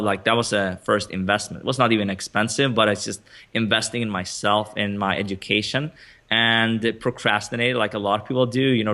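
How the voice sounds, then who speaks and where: A man's voice: lowish voice, sharp tone. A man in his thirties from Sweden, a guest on a video call interview, talking casually with lots of fillers and restarts. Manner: chatty, many fillers and restarts, laughs often.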